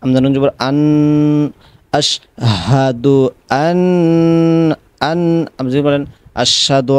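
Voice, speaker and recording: A man teaching how to pronounce the call to prayer, spelling it out letter by letter and then chanting it in long, drawn-out melodic phrases. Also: medium pitch, steady tone, clean tone, dry recording. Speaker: azan pronunciation teacher. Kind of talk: recitation lesson.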